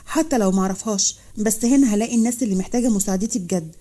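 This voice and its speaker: A woman's voice: mid-range voice, racing, close to an everyday voice. A woman with an Egyptian accent voicing a stubborn young female doctor who answers back sharply. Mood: defiant. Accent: Egyptian Arabic. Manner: sharp-tongued and defiant.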